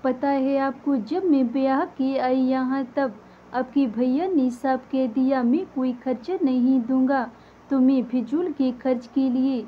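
A woman's voice: high-pitched, fairly even intonation, a little slow, dull audio, a little hiss or hum. A woman voicing a patient daughter-in-law who speaks firmly and reasons things out. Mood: reproachful. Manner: firm, reasoning.

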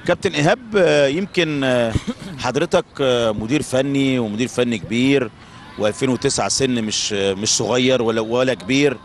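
A middle-aged man with an Egyptian accent hosting an interview show on a handheld mic at an outdoor football pitch at night. He sums up answers and prompts his guests with quick follow-ups. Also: slight background noise. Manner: brisk, restates and prompts guests. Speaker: host.

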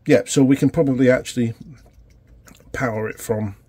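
This electronics repair channel host is a man from the United Kingdom in his forties, nursing a cold and a sore throat as he runs a relaxed tutorial in his small workshop. He speaks in a mid-range, steady, dark voice that's slightly rough, hesitating often and leaning on fillers.

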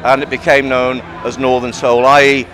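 A man's voice: medium pitch, little pitch movement, moderate pace, a bit bright, soft background music, a faint crowd. A man in his sixties talking casually as an interviewee about what he does as a DJ. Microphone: handheld shotgun microphone held by interviewer.

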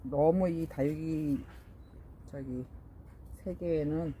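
A woman's voice: deep voice, steady tone, slow pace, dark tone, a little hiss or hum, low-quality recording. A middle-aged woman vlogging casually about her succulents, chatting to viewers as she plants in a greenhouse. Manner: chatty, talks to viewers while working. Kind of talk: casual chat while planting.

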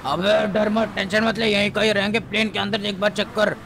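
Guy doing a gruff bossy crook, gravelly, kinda high. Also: little pitch movement, brisk, fairly bright tone, slight background noise.

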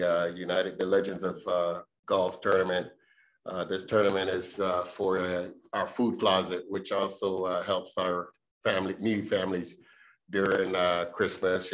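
A man serving as a board director, giving remarks at a meeting in a halting way with many pauses and restarts. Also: low-pitched, rough recording.

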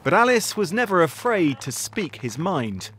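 Man, scripted sports tribute narration, highish voice, very varied intonation. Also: big pitch swings, moderate pace, fairly bright tone, a little hiss or hum.

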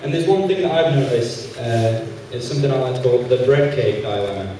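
A young man doing an animated stand-up routine on a small theatre stage, acting out the people he quotes. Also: mid-range voice, fairly quick, a loud crowd. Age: young adult. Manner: animated, acts out quoted characters. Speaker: stand-up comedian. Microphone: handheld mic, far camera. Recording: echoey hall, from far off.

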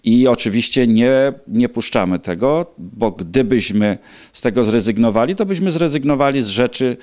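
A middle-aged man giving measured, hesitant interview answers with frequent pauses. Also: medium pitch, a little mellow. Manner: hesitant, measured, pausing often. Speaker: contest organiser being interviewed. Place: indoors, small room. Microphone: handheld reporter microphone.

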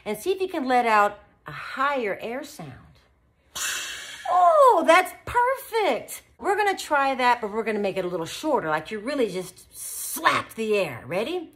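Lively, encouraging woman teaching kids. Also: medium pitch. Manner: animated, encouraging, lots of praise. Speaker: beatbox teacher. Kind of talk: children's tutorial.

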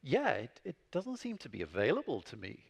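A man's voice: mid-range voice, huge pitch swings, fairly quick, vocal fry, breathy edge, full character voice. A man acting out an insistent, puzzled customer calling tech support about a broken website. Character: persistent customer on a support phone call.

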